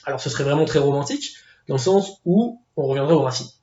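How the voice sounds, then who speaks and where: A football video commentator from a Portuguese family background offers casual opinions in a fast, lively, warm voice on the high side. He's hesitant, full of fillers and restarts, and the recording is an echoey room with dull lo-fi sound.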